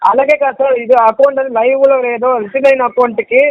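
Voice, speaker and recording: Pushy fast-talking recovery agent man. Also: very high voice, level tone, no room sound. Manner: insistent, talks over the other man, repeats sums. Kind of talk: heated phone argument. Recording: muffled phone call recording.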